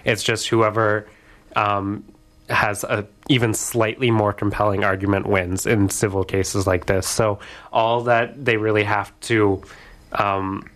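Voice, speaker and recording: A man's voice: on the low side, level tone, measured pace, a bit bright. A man co-hosting a casual talk radio discussion, explaining a point with some ums. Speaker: radio show co-host.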